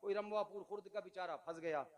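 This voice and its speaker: High-voiced male preacher, theatrical. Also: steady tone, fairly quick. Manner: theatrical storytelling, heavy repetition; leads crowd in call-and-response. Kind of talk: sermon.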